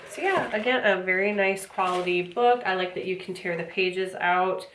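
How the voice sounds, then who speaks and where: In a relaxed product review for her unboxing channel, this American host sounds congested, wheezy, and short of breath. Her mid-range voice moves at a normal speed and carries a fairly bright tone. Background noise comes through clearly, and the room lends a noticeable echo.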